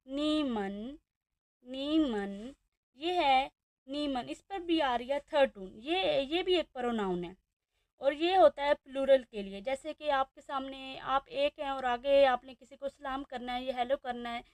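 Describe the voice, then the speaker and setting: A woman with a Pakistani Urdu accent teaching a beginner language lesson, saying each new word slowly and repeating it several times. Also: high voice, darkish tone, dry recording.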